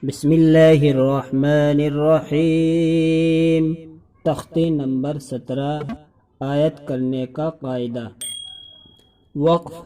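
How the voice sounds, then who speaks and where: A young man teaching Quran reading, spelling out syllables slowly and chanting the verses. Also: a little high, little pitch movement, warm tone, faint music behind. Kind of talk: spelling-out lesson with chanted recitation.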